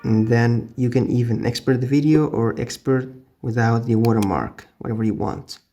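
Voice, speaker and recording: A man with a mid-pitched voice narrates a phone app tutorial. He speaks casually and explains things step by step, as the host of a how-to video. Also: moderate pace, mellow, faint music behind.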